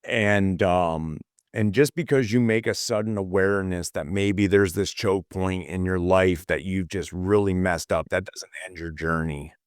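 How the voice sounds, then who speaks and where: A man co-hosting a motivational talk, earnest and full of fillers and restarts, a little hoarse as he loses his voice. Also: deep voice, steady tone, measured pace, no room sound, clean studio sound. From California. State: losing his voice a bit. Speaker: podcast co-host.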